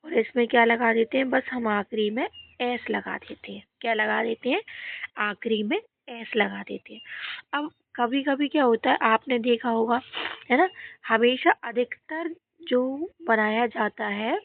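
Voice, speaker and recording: A woman's voice: on the high side, gravelly, no room sound. A woman teaching a children's English grammar lesson, asking questions and answering them herself, repeating the key words. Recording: dry, phone-like audio.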